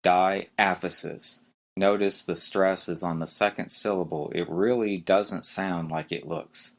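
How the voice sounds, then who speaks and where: With a steady tone, a slow, deep-voiced podcast host teaches medical terms. He spells the words letter by letter and stresses their syllables carefully throughout the lesson.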